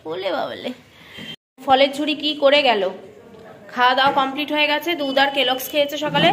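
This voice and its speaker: A high-pitched young woman with a West Bengal Bengali accent chats warmly and easily to her viewers, as if they were beside her. She films herself at home on a handheld phone, narrating her day in a casual family vlog and gently coaxing her small child. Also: level tone, fast, heavy background noise. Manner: chatty, talks straight to viewers, coaxes her child. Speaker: family vlogger. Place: home, indoors.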